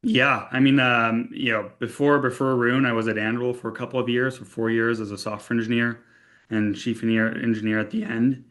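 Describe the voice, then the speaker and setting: Fairly quick and flat in delivery, this young man's mid-range voice is a bit bright. He is from Austria and co-founded a tech company, and as a guest on a casual podcast interview he speaks conversationally, full of fillers and restarts as he works through his thoughts.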